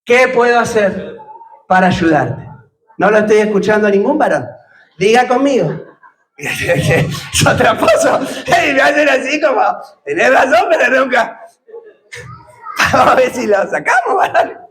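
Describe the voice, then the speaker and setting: A man's voice: very high voice, very animated, measured pace, fairly bright tone, low-quality recording. A man preaching a sermon, putting questions to the congregation and joking with them. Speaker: pastor.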